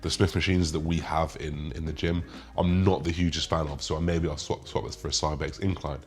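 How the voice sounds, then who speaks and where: A man's voice: very deep voice, fairly even intonation, a little fast. A man with a slight lisp and slushy s sounds, hosting a video and explaining things casually to his viewers. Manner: lisp with slushy s sounds from new dental retainers. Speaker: host, men's physique bodybuilder.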